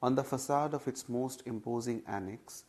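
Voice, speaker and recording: A man giving a literary memoir reading, measured and unhurried with careful phrasing. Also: mid-range voice, a little mellow. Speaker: audiobook reader.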